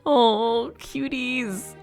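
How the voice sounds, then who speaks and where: A woman's voice: fairly high pitch, steady tone, drawn-out words, gravelly, darkish tone, soft background music. A woman playing a story game who reads its text aloud and breaks off into emotional, gushing reactions. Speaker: let's play streamer.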